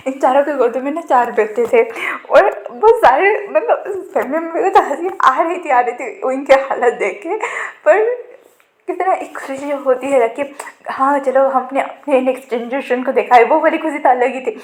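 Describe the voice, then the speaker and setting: A woman with a high voice retells a romance story in a relaxed, chatty way. She drifts into her own asides and keeps the tone informal throughout. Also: moderate pace. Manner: chatty, many fillers and restarts, laughs along.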